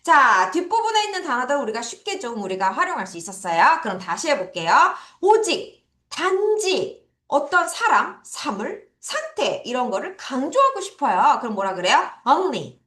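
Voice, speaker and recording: A woman teaching vocabulary to children in a high, lively voice that swings widely in pitch. She drills each word slowly, stretching it out for the children to repeat, and laughs often. The room gives the voice a noticeable echo. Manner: lively, drawn-out call-and-response drilling. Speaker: English teacher.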